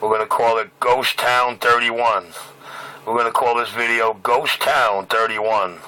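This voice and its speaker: A man's voice: mid-range voice, fairly even intonation, unhurried, bright, forceful tone, low-quality recording. A man chatting and calling out over a CB radio channel, his transmission off frequency, joking and rambling between calls. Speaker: CB radio operator. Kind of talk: casual CB radio banter. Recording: heavy static over CB radio.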